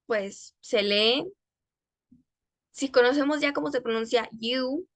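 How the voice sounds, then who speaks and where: Woman teacher, slightly high voice, dry close sound, slow drilled English phrases for repetition. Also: fairly bright tone, dry recording. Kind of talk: English lesson for Spanish speakers.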